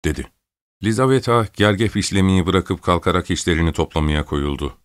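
A man narrating an audiobook in a steady, measured storytelling manner. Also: low voice, clear, resonant tone, no echo, clean studio sound. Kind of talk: audiobook reading.

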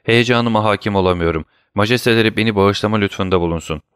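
A man's voice: fairly low pitch, quick pace, a bit bright, smooth, no echo, studio quality, natural voice. A man voicing an earnest young male prosecutor who speaks eagerly and apologetically to a king.

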